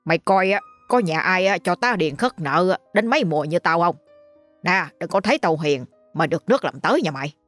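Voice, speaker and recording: A gruff, scornful landlord who barks orders at his tenants, as a woman puts him on. His voice sits low and drops quieter and heavier than the narration, with faint music behind. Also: expressive, fairly quick, no echo, lightly acted. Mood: scolding. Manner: blunt, scolding, talks down to others. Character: rich stern middle-aged male landlord, gruff and scornful.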